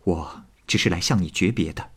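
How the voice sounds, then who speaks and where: A man voicing a devoted fox spirit woman who scolds in a soft, hushed way. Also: deep voice, moderate pace, slightly rough. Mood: sorrowful.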